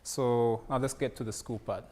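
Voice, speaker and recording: A man's voice: medium pitch, steady tone, normal speed, dark tone. A male interviewer asks his questions playfully, with light teasing and frequent "mm-hmm" prompts. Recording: hall reverb, faint background noise.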